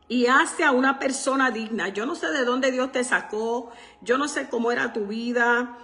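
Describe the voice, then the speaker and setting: A woman's voice: fairly high pitch, fairly bright tone. Fervent woman preaching on the radio. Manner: fervent, repeats "bendito sea el Señor" often; asks the listeners "¿verdad?" and addresses them directly. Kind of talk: radio sermon.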